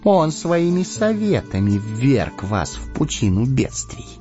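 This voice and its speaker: A man voicing a cunning, persuasive old male wizard who speaks in a slow, coaxing, ingratiating way. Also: medium pitch, big pitch swings. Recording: dull lo-fi audiobook with faint music.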